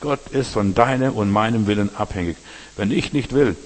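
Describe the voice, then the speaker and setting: A man's voice: lowish voice, moderate pace, in a large hall. A man preaching a sermon, addressing listeners directly with frequent asides asking if they understand.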